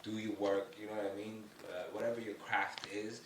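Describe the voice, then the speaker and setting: Speaking as a podcast guest, a man born in Somalia who lived in Ottawa, Canada, offers motivational advice in a slangy, emphatic way, peppered with "you know what I mean." His voice sits on the low side with flat delivery and a moderate pace. He's far from the mic, with room echo and faint background noise.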